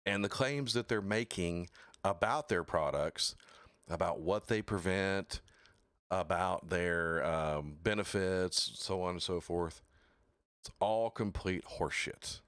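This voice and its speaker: A man hosts a casual livestream talk show, bluntly mocking product claims and reading quotes aloud. He swears, delivers his lines slowly and deliberately, and suddenly lets out high exclamations. His voice has a fairly bright, clean tone, and the recording is dry with clean studio sound.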